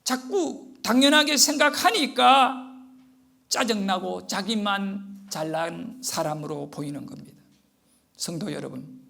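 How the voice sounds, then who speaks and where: Male pastor preaching a sermon, gravelly texture, question-and-answer delivery. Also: a little high, fairly bright tone. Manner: rhetorical questions answered by himself; tells personal anecdotes. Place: church.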